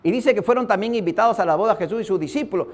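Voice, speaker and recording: A man's voice: sits high, rapid-fire. A man preaching a sermon, telling a personal story and addressing his listeners as brother.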